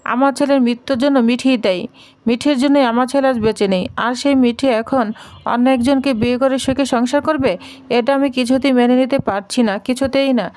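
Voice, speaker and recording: A woman's voice: sits high, fairly even intonation, a little fast, a little mellow, natural voice. A woman voicing a grieving mother who blames another woman for her son's death, bitter and insistent.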